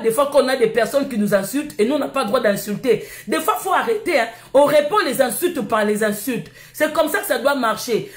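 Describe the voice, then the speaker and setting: Combative Congolese woman ranting on a live stream. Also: high-pitched. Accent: Congolese French. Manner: combative, scolding, insulting. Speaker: livestream host. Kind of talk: heated live stream rant. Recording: echoey room.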